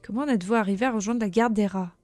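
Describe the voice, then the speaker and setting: A woman's voice: mid-range voice, very fast, darkish tone, faint music behind, natural voice. A woman reading the questions of a curious male mouse hero in a video game, in an inquisitive tone.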